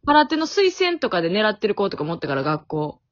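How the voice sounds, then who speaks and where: A woman's voice: medium pitch, very animated, brisk. A young woman with a Kansai accent chatting on a podcast from her family home over a remote call, easygoing and self-deprecating. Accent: Kansai Japanese. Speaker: podcast co-host. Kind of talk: casual chat. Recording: dull lo-fi audio.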